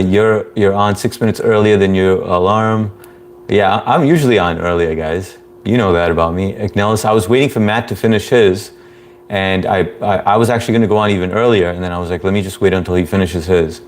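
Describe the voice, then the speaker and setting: A man with a very low voice hosts a relaxed live stream at normal speed, reading viewer comments aloud and shouting out names. His laid-back delivery is flat and monotone, broken often by easy chuckles, with a faint hum under the recording.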